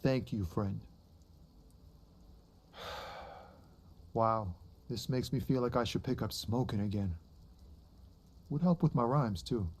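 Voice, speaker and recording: An actor playing a weary, tender truck driver in a video game, speaking in a reflective, sincere and halting way. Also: male voice, mid-range voice, darkish tone, breathy edge. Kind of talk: dramatic video game dialogue.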